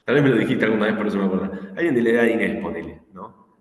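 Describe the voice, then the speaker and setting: A man's voice: on the low side, lively intonation, very fast. A man with a Rioplatense Spanish accent, lecturing an online class and telling anecdotes full of acted-out quotes and fillers. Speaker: teacher. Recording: echoey room with long reverb.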